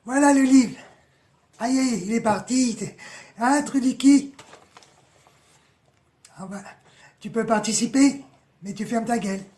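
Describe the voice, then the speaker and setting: A woman with a hoarse voice, mocking and chatty, analysing song lyrics in a casual live stream, full of slang and swearing. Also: on the high side, slow pace, long pauses, dark tone.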